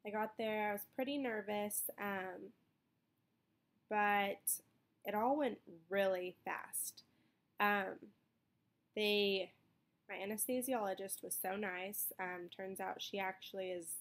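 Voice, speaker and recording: A young woman chats informally as if to followers of her vlog. Her mid-pitched voice has noticeable creak and fry. She rambles in an everyday way, dropping in "like" as she goes. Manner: rambling, informal, with frequent "like" asides. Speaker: vlogger recovering from surgery. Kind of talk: casual chat vlog.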